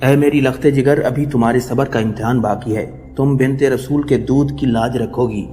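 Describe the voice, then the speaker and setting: A gentle, consoling father's spirit speaking to his daughter from the dark, voiced by a man in his narrating tone. The pitch sits in the middle, and a long reverb hangs behind each phrase. Soft music runs underneath. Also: steady tone, lightly acted.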